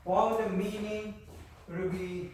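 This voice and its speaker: An older man from Korea with a Korean accent, giving a university lecture in halting speech full of fillers and restarts. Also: high voice, fairly even intonation, darkish tone, a little hiss or hum. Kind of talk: classroom lecture. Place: university classroom. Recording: roomy, distant echo with faint ambience.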